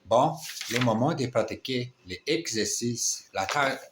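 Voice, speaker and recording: A man practicing phrases aloud, repeating each one slowly and adding self-mocking dramatic asides. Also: medium pitch, animated, background noise. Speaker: language learner.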